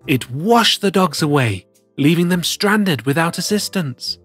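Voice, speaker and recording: This is an expressive picture-book read-aloud for children, delivered by a performer playing a cheerful plush cat in a theatrical, sing-song style. The husky, medium-pitched voice is animated and a little slow, over faint background music.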